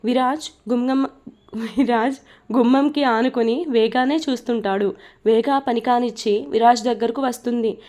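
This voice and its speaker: Mellow, fairly high woman storyteller. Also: fairly even intonation, normal speed. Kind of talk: scripted story narration.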